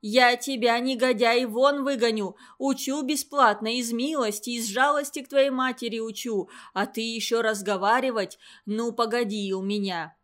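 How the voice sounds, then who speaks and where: A woman's voice: fairly high pitch, fairly even intonation, moderate pace, few pauses, fairly bright tone, close to an everyday voice. A woman voicing a huge, cruel old female tutor who scolds her pupils in a harsh, furious way. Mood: angry scolding.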